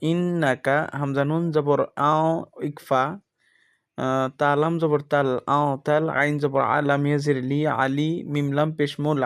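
A man teaching Quran reading, spelling out Arabic letters and vowel marks one at a time in a slow, methodical drill. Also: a little high, smooth.

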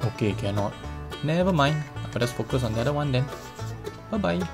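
A man's voice: mid-range voice, animated, fairly quick, music in the background. A man in his twenties with a Singaporean accent, chatting casually to himself in Singlish with lots of exclamations, as in a gaming vlog. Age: 20s. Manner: exclamatory, talking to himself with colloquial particles. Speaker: vlogger. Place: small bedroom, indoors.

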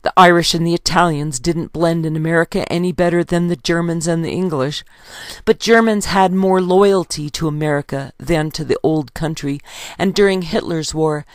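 A woman's voice: sits low, dry recording. Woman reading a history book aloud, dry. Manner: steady, measured reading that cites page numbers aloud. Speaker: author reading her own book.

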